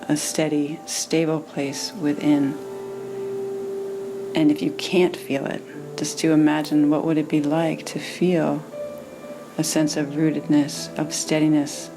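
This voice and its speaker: Speaking in a deep voice, a female meditation teacher leads a calming guided session with soft pauses separating each phrase. The recording quality is rough.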